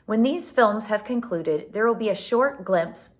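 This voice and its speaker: A woman teacher calmly introducing her classes' student films. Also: medium pitch, a little slow. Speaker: film teacher. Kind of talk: prepared introduction.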